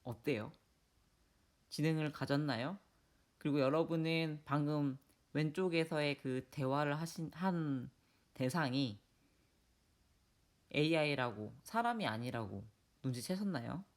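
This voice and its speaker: A woman's voice: deep voice, unhurried, long pauses. Woman professor quizzing her students. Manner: poses questions directly to students. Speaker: university professor. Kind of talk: recorded university lecture.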